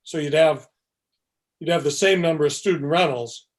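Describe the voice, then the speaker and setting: A man's voice: fairly high pitch, moderate pace. A man on a planning commission, laying out his question at a public meeting, hesitant and full of restarts. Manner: hesitant, thinking aloud with many uhs and restarts.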